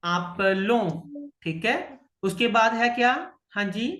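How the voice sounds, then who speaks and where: An Indian-accented man teaches French with patience. He speaks slowly, repeats each phrase and keeps checking that his students follow. The room around him has a noticeable echo. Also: sits high, sharp tone. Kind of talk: online French lesson.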